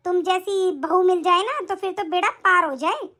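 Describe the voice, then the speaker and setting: A woman voicing a harsh, bossy middle-aged mother-in-law who taunts and scolds in an animated story. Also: very high voice, moderate pace, faint music behind, pitched below the performer's own voice. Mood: scolding.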